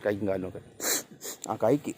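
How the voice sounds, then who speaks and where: A man talking casually to his cats and dogs outdoors by a road, coaxing them and sometimes shouting at them to move. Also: fairly low pitch, animated, fairly quick, slight background noise. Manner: coaxing and scolding the animals, shouting now and then. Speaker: vlogger. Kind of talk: casual chat with his pets.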